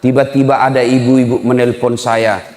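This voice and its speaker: A male preacher with a Makassar accent, telling stories in a lively sermon and acting out the voices in them. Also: medium pitch, moderate pace. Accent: Makassar Indonesian. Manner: animated, acts out quoted voices. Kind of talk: humorous storytelling sermon. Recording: echoey hall with long reverb.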